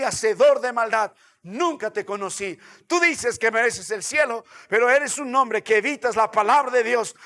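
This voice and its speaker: A male pastor delivers a sermon in a strikingly high voice. His tone is forceful and bright. He hammers his points through repetition and rhetorical questions.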